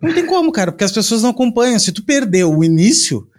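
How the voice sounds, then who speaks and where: A man's voice: high-pitched, sing-song, fast talker. A man chatting casually, rambling with slang, restarts and fillers. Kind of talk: casual chat.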